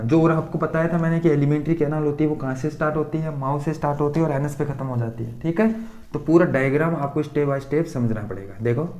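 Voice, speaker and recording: A man's voice: a little high, darkish tone. A man teaching a science lesson, asking the students questions and then repeating the answers back. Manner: repetitive call-and-response questioning. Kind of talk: classroom-style lesson.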